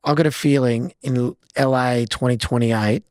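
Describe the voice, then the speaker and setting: A man's voice: mid-range voice, fairly even intonation, normal speed, a little mellow, no echo. A man hosting a podcast, asking curious questions with a joking, easygoing manner. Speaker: podcast host. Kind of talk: casual interview chat.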